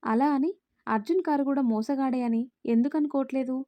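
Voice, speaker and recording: A woman's voice: high-pitched, brisk, warm tone, no room sound, lightly acted. A woman voicing an earnest, outspoken young woman who speaks up firmly for a little girl in a spoken storybook.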